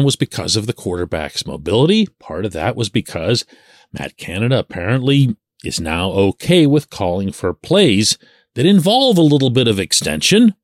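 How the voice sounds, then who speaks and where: A man in his forties from Pittsburgh, hosting a solo sports podcast and talking in an animated way, stretching the words he wants to stress. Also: medium pitch, no room sound, clean studio sound.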